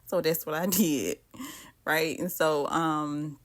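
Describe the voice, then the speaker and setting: A woman from the American South with a Southern accent and a slightly low-pitched voice. She chats casually while cooking, speaking straight to her viewers with plenty of friendly asides. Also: steady tone, takes it slowly. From Southern United States. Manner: chatty, talks straight to viewers with frequent asides. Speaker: cooking vlogger.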